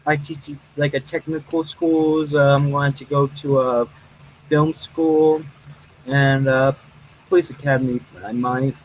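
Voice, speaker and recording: A man's voice: mid-range voice, level tone, measured pace, a little hiss or hum, low-quality recording. A young man hosting a casual voice-call chat, rambling with lots of fillers. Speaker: host.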